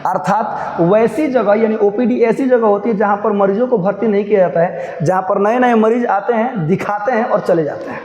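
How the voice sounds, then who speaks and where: High-voiced male teacher explaining line by line. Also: normal speed, darkish tone, muffled recording. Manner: repeats phrases, checks understanding, calls students "babu". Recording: echoey hall with faint noise.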